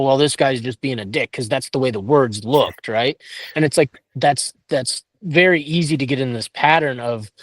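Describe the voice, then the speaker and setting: A man co-hosting a podcast who talks in a relaxed, earnest way and often restarts his sentences. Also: mid-range voice, no room sound. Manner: earnest, reflective, with many restarts and fillers. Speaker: podcast co-host. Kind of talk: casual chat.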